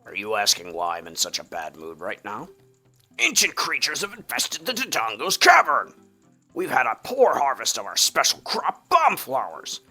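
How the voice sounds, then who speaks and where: A man voicing a huge, furious male Goron chief while reading game dialogue aloud, shouting and indignant. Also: medium pitch, huge pitch swings, normal speed, faint music behind, exaggerated voice. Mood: angry.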